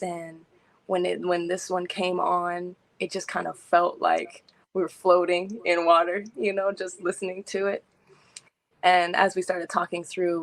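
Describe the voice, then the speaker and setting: Low, gravelly-voiced young woman from Indiana. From Indiana, USA. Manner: relaxed, chatty, laughs easily. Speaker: singer-songwriter guest. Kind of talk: casual radio interview.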